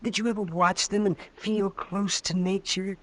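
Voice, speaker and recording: A man playing a crotchety older town doctor in a radio western, American, with a halting, muttering, pompous delivery. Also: high voice, level tone, a bit bright. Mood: grandly musing. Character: crotchety, theatrical older frontier town doctor, mock-preachy. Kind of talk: 1950s radio western acting.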